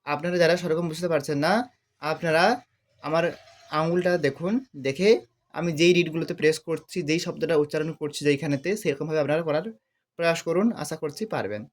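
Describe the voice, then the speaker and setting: A man teaching a devotional chant on the harmonium, explaining quietly and then singing each phrase slowly and loudly. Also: on the high side, fairly even intonation. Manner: explains softly, then sings the phrases louder and drawn out. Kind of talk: music lesson, talking and singing. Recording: loud harmonium under the voice. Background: harmonium playing.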